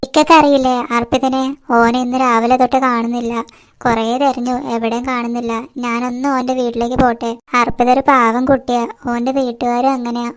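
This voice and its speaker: മലബാർ ശൈലിയിൽ സംസാരിക്കുന്ന ആശങ്കാകുലയായ ടീച്ചർ, ഒരു സ്ത്രീ അവതരിപ്പിക്കുന്നു. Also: female voice, on the high side, flat delivery, fairly quick, smooth, lightly acted. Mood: worried. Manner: worried, earnest. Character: caring female schoolteacher, worried.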